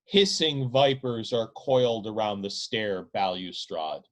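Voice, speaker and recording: With a lowish, animated voice, a man narrates his own novel, phrasing things in a drawn-out, emphatic, deliberately dramatic way.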